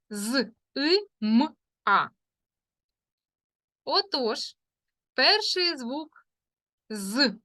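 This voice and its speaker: A woman teaching young children, taking her time and drawing out each sound. Her voice is bright and a little high. She slips into a sing-song lilt for short rhymes. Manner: sing-song rhyming greetings, drawn-out sounds and syllables. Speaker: primary school teacher. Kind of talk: slow, careful literacy lesson for young children.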